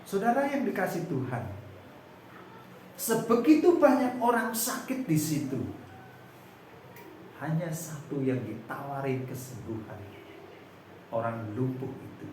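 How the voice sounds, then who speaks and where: A man's voice: a little high, expressive, a little slow, long pauses, a little mellow, a little hiss or hum. Man preaching in a very echoey church. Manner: dramatizes the story, acting out voices; frequent searching fillers. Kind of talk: church sermon. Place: church hall.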